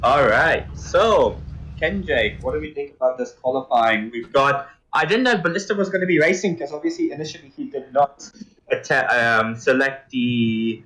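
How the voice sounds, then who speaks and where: A man's voice: mid-range voice, expressive, moderate pace, a bit bright, poor audio. Chatty male sim-racing commentator. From India. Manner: chatty, laughs often, addresses co-host as mate. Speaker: race commentator.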